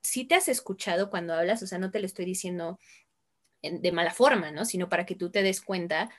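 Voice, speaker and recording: A woman's voice: fairly low pitch, brisk. Candid woman panelist. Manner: candid, laughs while telling anecdotes. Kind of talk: panel discussion.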